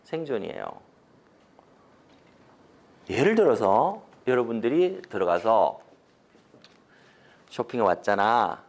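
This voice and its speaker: Animated male lecturer, lively pitch. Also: takes it slowly, vocal fry, pauses often. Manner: animated storytelling, swings from loud to soft, acts out quotes; mixes polite and blunt casual speech, asks the audience questions. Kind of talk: corporate training lecture.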